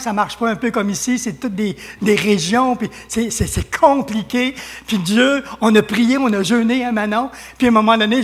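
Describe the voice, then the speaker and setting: A man with a Québécois French accent preaching a lively sermon, often calling out hallelujah and chuckling. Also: very high voice. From Quebec.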